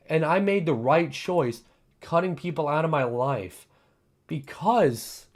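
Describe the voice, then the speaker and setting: A man's voice: a little high, darkish tone. A man about to turn twenty-one, a streamer giving an earnest, repetitive personal monologue with plenty of swearing and emphatic repeats. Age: 20s.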